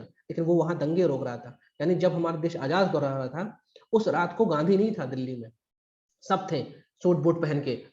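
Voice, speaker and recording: Teaching an exam-prep history class live online, a man speaks in a higher, darkish voice with a conversational, emphatic style, dramatizing quotes. The video-call recording is reverberant and dull.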